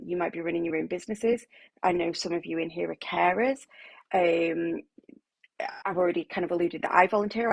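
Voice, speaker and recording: A woman's voice: on the low side, gravelly, no echo, low-quality recording. A woman author talking casually to a writing group in a live online session, chatty, with many fillers and restarts.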